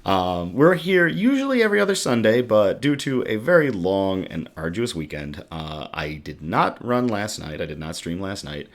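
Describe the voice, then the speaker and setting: On a desktop USB mic at his home setup, a raspy, weary-sounding man runs a relaxed good-news livestream. He speaks on the low side in a sing-song way at a moderate pace with hardly any pauses, rambling through ums and reading viewer comments.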